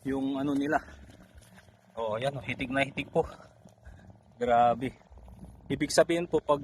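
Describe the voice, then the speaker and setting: A man promoting a fertilizer while walking through an onion field, excited and out of breath, talking to farmers watching. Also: medium pitch, a little hiss or hum. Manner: excited, keeps pointing out crop size.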